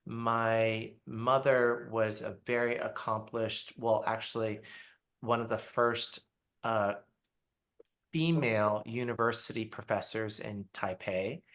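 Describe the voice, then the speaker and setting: Slow, reflective man. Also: lowish voice, fairly even intonation, a bit bright. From Taiwan. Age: middle-aged. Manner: unhurried, reflective, with frequent pauses and fillers. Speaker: interview guest, ballet artistic director. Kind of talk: conversational interview on a video call. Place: small apartment. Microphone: video call.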